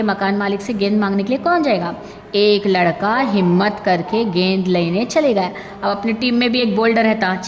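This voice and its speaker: A primary school teacher with a medium-pitched voice tells a story to young children, lively as she acts out the characters and asks the class questions. The recording has a big-room sound with a little hiss or hum.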